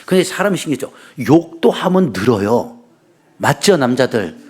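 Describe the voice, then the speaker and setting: A man's voice: medium pitch, moderate pace, slightly rough. A middle-aged man, a pastor, preaching a sermon in church, telling funny stories and acting out quoted dialogue. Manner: lively storytelling with humor, acting out quoted dialogue. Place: church sanctuary.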